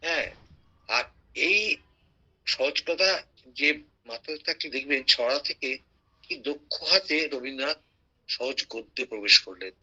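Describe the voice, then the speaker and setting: A man giving an animated lecture, slowing down to recite rhymes with clear, careful pronunciation. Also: mid-range voice, dull audio. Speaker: guest speaker.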